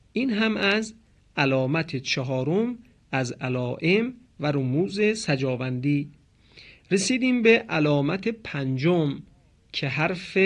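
A man's voice: a little high, a bit bright. A man teaching Quran recitation rules, who asks questions and answers them himself and stretches out key terms. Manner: didactic, poses questions then answers them; stresses and drags out key terms. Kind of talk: explanatory lesson on pause marks.

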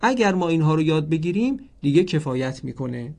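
A man teaching a Quran recitation lesson, speaking formally and slowly spelling out the names of the letters one by one. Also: a little high, big pitch swings, vocal fry, dark tone. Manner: slow, deliberate, stresses each letter; formal, addresses listeners politely.

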